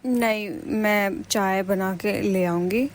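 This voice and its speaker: A gentle middle-aged mother-in-law, voiced by a woman in a home-drama cartoon. She speaks quietly and soothingly at a middle pitch, mild and patient. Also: steady tone, slow, a little hiss or hum, natural voice. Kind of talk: animated cartoon voice acting.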